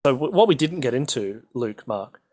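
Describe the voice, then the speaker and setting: A man's voice: mid-range voice, expressive, moderate pace, a little mellow. A man co-hosting a casual gaming podcast, rambling with lots of ums and the odd swear. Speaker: podcast co-host.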